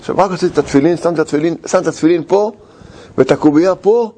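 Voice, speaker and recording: A middle-aged man telling a personal anecdote in casual talk. He is animated and laughs through his story, but halts often, restarting and searching for words. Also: on the high side.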